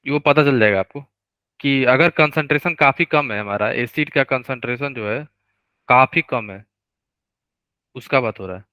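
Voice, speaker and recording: A man teaching a live online chemistry class, explaining step by step, slowing down to dictate formulas and often checking that students follow. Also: medium pitch, bright, forceful tone, clean tone, dry recording, muffled recording. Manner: explains step by step, keeps asking students to confirm.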